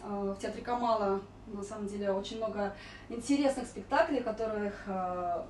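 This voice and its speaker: A vocal coach gives an informal singing lesson, explaining and demonstrating vowel sounds and sung warm-ups. Her voice is medium-pitched at a moderate pace, with a bit of hiss or hum, while the distant mic picks up roomy echo and music in the background.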